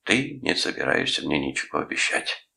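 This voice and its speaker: Man reading as self-righteous uncle, preachy, very deep gravelly voice, bright edge; audiobook. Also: very animated, full character voice. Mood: threatening. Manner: preachy, lecturing, drawn-out phrases. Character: pompous sanctimonious middle-aged uncle, menacing.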